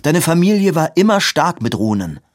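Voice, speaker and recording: A man's voice: on the high side, very animated, moderate pace, dry recording, voice pushed up. A resentful young man as a man reads him aloud, tense and hissing, pushing his plea in a storybook reading. The voice is raised above the narration and the sound is dry and close. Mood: urgent, bitter. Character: urgent, bitter young man asking for help.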